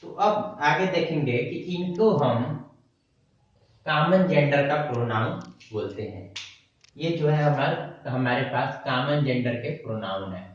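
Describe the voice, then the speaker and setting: Man, grammar teacher, slow and repetitive, dull distant recording, roomy echo. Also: medium pitch, expressive. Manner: slow, repeats terms while writing on a board. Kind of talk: grammar lesson. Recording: dull echoey room, mic far off.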